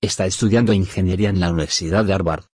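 Very low husky guy reading phrases for a language lesson, dry close sound. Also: no room sound. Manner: slow, even phrase-by-phrase reading. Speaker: phrase reader.

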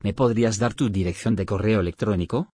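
A man reading short phrases one by one for a language lesson, slow and even. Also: fairly low pitch, no echo, clean studio sound. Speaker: phrase reader.

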